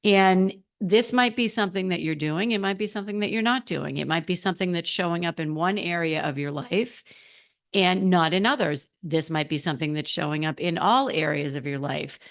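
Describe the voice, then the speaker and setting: On her own casual podcast, a middle-aged coach addresses listeners directly with chatty energy. The voice sits on the low side, a little hoarse, and she keeps a normal speed.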